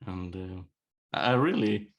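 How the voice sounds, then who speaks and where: A man hosting a casual interview, speaking haltingly with many hesitations and repeated false starts. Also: low voice, creaky, lo-fi sound. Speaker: podcast host.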